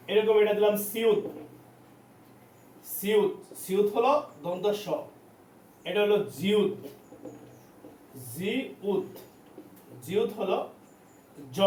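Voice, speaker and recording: A man teaching a language class and drilling letter names, repeating each one slowly. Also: high voice, darkish tone, slight background noise. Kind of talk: classroom lesson. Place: training center classroom. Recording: echoey room, mic at a distance.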